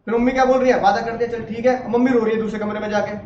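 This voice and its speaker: Playful lecturer, high-pitched, recorded far off in an echoey classroom with dull, lo-fi sound. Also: male voice, level tone, racing, a crowd in the background. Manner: playful, acts out family scenes, quizzes the class. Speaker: teacher. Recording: roomy, distant, dull sound with faint noise.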